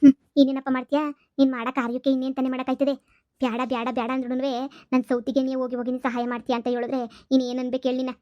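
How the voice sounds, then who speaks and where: A woman's voice: a little high, completely flat delivery, rapid-fire, hardly any pauses, no echo, dull audio, close to an everyday voice. A woman voicing a stern, exasperated village mother-in-law in a cartoon comedy, speaking. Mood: angry. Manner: sharp, scolding, exasperated.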